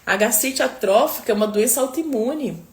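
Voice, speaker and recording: A woman's voice: a little high, lively intonation, moderate pace. A nutritionist woman chatting on a live stream, answering viewers and often tagging sentences with "tá?" and "né?", with religious blessings mixed in. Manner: chatty, peppers speech with "tá?" and "né?". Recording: roomy, echoey room.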